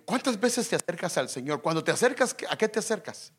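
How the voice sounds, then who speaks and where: Lively, forceful husky preacher. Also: mid-range voice, a little fast. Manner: addresses congregation directly, rhetorical questions; lively, emphatic. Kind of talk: sermon.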